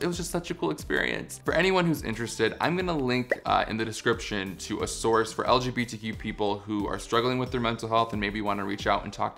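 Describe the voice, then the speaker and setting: A man's voice: mid-range voice, vocal fry, fairly bright tone. A man hosting a video, talking to camera in a chatty, enthusiastic way. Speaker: video host, interviewer. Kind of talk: casual vlog talk to camera. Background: music.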